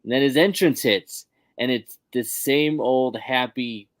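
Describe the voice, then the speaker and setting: A man's voice: mid-range voice, unhurried, no echo. A man co-hosting a wrestling podcast, giving his take in an easygoing, thoughtful casual chat. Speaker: podcast co-host.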